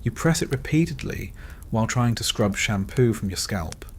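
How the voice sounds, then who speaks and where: A man narrating a scripted bedtime story in a calm, dryly wry second-person voice. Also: medium pitch, normal speed.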